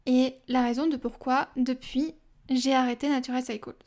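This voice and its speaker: A woman's voice: high voice, little pitch movement, normal speed, darkish tone. A young woman hosting a podcast, talking casually and personally with many fillers and asides. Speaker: podcast host.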